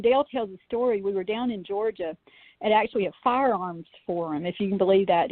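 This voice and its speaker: A woman guest who researches UFOs, telling anecdotes in a chatty, animated way full of fillers. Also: mid-range voice, no echo. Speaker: podcast guest, UFO researcher. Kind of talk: casual storytelling in a call-in interview. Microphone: phone. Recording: tinny, dry phone line.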